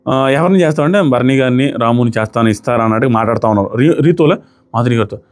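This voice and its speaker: With a medium-pitched voice and a very fast delivery, this man chats animatedly about a reality show and performs the contestants' quoted lines.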